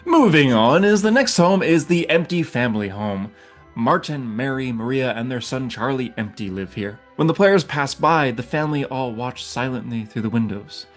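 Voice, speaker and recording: A man hosting a channel, telling eerie stories and walking listeners through a tabletop role-playing setting he built, with hushed passages that build suspense. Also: medium pitch, expressive, normal speed, faint music behind. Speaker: game master and channel host. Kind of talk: narrated tabletop setting guide.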